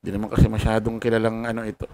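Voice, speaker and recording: A man's voice: fairly low pitch, completely flat delivery, rapid-fire. Rambling man, noisy recording. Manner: rambling, forgetful, laughs often, salty asides. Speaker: online commentator. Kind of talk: casual political commentary.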